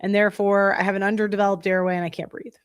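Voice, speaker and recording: Her mid-range, nasal voice comes out rapid-fire and smooth yet flat as this young woman chats to her podcast viewers. She breathes heavily, rambles, and speaks bluntly and casually with lots of fillers.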